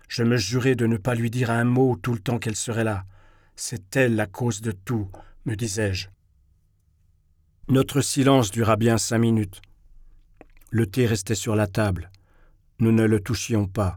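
A man narrating a literary novel in the first person, with a measured, expressive reading. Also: mid-range voice, no echo, studio quality. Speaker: audiobook reader.

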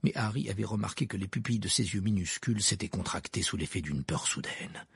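Male audiobook narrator, expressive and animated, gravelly and husky, dry studio sound. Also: lowish voice, fast, no echo. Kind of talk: scripted narration.

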